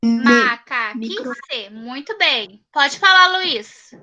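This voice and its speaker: A woman with a Brazilian Portuguese accent teaching an online class to young children, patiently repeating each answer slowly and praising it, heard through a computer mic on a video call. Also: high-pitched, lively intonation, lo-fi sound, music in the background. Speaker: primary school teacher.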